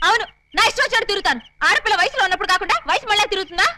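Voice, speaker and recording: Brief: a dramatic young girl in love, very high, fast and bright. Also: lively intonation, slight background noise, exaggerated voice. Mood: defiant. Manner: pleading, wailing melodrama. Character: lovestruck young woman, melodramatic and scheming. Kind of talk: Telugu film comedy acting.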